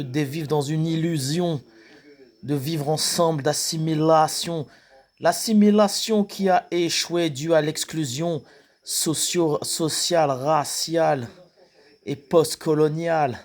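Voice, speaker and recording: A man delivering a spoken protest rap in a halting, freestyle way, often restarting words and hitting rhetorical questions hard. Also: a little high. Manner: slow, declaiming delivery with emphatic rhetorical questions. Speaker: rapper.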